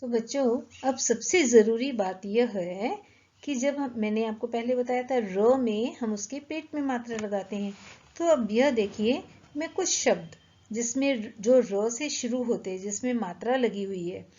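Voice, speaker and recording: A woman teaching young children to read, saying each word slowly and carefully and repeating it. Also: fairly high pitch, warm tone. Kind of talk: children's Hindi reading lesson. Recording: dull lo-fi recording.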